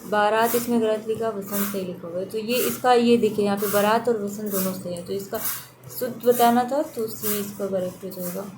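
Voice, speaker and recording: A woman's voice: mid-range voice, fairly even intonation, fairly quick, noisy background. A woman teaching an online exam-prep lesson, steadily repeating which spellings are correct and which are wrong.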